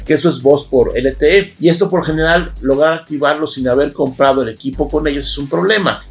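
A man's voice: medium pitch, creaky. A man, a tech video host chatting casually as he reads viewer comments aloud. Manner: chatty and conversational.

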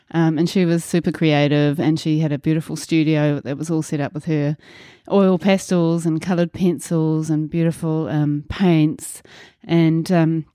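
A New Zealand podcast host in her forties is interviewed, talking casually and reflectively about her life with plenty of fillers. Her low-pitched voice is warm, clear and resonant. The sound is clean studio audio with no room sound.

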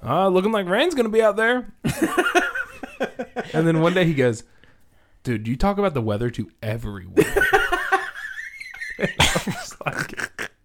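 Animated young male storyteller. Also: mid-range voice, noisy background. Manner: animated storyteller, acts out quotes. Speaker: podcast co-host. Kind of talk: casual chat.

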